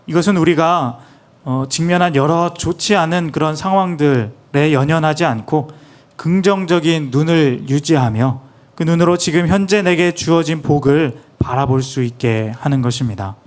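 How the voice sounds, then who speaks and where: A man's voice: fairly high pitch, moderate pace. A man interpreting a sermon phrase by phrase, earnest and plain, with small restarts.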